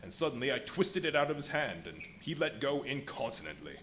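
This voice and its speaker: A man performs the feverish, volatile scientist of a live radio play, boastful and theatrical. His mid-pitched voice swings widely through ornate confessions, with emphatic pauses. Background noise from the live venue runs under it. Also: very animated, fairly bright tone. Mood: agitated. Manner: dramatic, literary phrasing with emphatic pauses.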